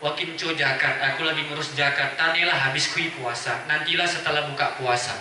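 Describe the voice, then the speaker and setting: A preacher putting on a gentle older father. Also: a little high, fairly even intonation, fairly quick, a little hiss or hum, pitched below the performer's own voice. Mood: tender. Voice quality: soft, gentle voice. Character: soft-spoken older father, tender and gentle. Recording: echoey hall from far off.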